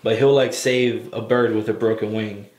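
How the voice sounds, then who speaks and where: A man co-hosting a casual anime chat, blunt and animated, often acting out characters in jokey voices. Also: on the low side, normal speed. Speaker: co-host of an anime review show. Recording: roomy echo.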